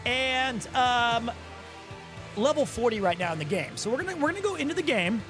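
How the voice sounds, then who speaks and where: A man's voice: extremely high pitch, very animated, moderate pace, music in the background. A man in his forties from Missouri, chatting loosely on a live stream, joking about himself and restarting his sentences. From Missouri, USA. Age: 40s. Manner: goofy, self-mocking, stumbles and restarts. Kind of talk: casual live-stream chat.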